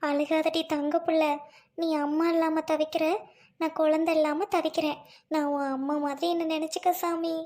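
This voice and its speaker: A woman plays a grieving childless village wife in a cartoon, her voice pitched very high. She pleads with earnest, prayerful intensity. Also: little pitch movement, normal speed. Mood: tender.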